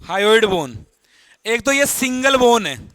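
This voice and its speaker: A man's voice: extremely high pitch, sing-song, slow, fairly bright tone, no room sound. A man teaching a biology class in a Hindi lecture, explaining step by step, repeating key terms and asking students questions. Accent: Rajasthani Hindi.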